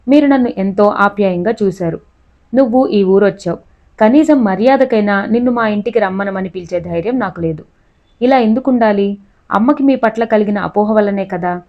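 A woman's voice: mid-range voice, dull audio. A woman steadily reading a novel aloud, voicing the first-person narrator and her dialogue. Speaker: audiobook reader.

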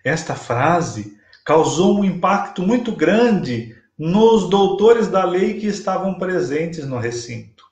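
A Brazilian man in his fifties delivers a religious lecture at an unhurried, deliberate pace, his voice sitting fairly high for a man. He retells the story with measured emphasis. The sound comes through a webcam in a small, roomy-sounding home room. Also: sing-song, darkish tone. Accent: Brazilian Portuguese. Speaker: spiritist lecturer. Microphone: webcam at desk distance, video call. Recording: echoey room via webcam.

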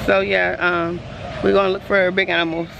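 A woman's voice: on the low side, level tone, brisk, dull audio. A woman in her thirties chatting casually with a small child while vlogging outdoors at the zoo on a handheld camera. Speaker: vlogger and mother. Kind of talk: casual family vlog chat. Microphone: handheld camera at arm's length. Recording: clearly noisy outdoor handheld recording. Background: outdoor ambience and noise.

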